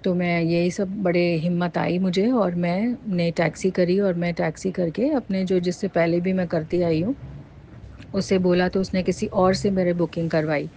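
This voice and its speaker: A woman recounting a personal testimony in a casual, animated way, with many fillers and restarts. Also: lowish voice, moderate pace, a little hiss or hum. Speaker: devotee sharing a testimony. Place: lives near Jaipur.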